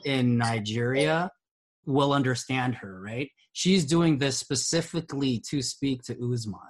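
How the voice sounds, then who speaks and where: In this casual podcast discussion, a male co-host with a medium-pitched, slightly slow voice makes his point earnestly. He searches for words as he goes, dropping plenty of "um"s and tag questions.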